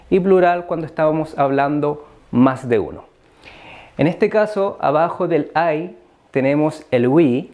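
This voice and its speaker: A man with a Chilean Spanish accent teaching an English grammar lesson, explaining slowly with frequent fillers. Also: mid-range voice, a little mellow.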